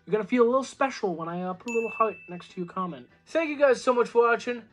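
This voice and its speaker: A young man with a very high, expressive voice talks fast while faint music plays behind him. In a casual vlog from a small room at home, he sits at a table reviewing microwave food for the camera opposite, loose and talkative, with lots of "you know."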